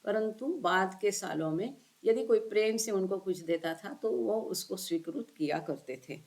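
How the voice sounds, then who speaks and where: A woman's voice: mid-range voice, moderate pace, darkish tone. A woman reads a spiritual book aloud passage by passage, then explains each part at length and puts questions to her listeners in an online session. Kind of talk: book reading with commentary.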